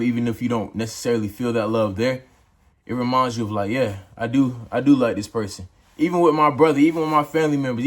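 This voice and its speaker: Young adult male vlogger, casual preachy tone, mid-pitched voice, talks to camera as if to a friend. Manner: casual, preachy, addresses viewers as bro and dog. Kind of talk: motivational talk to camera.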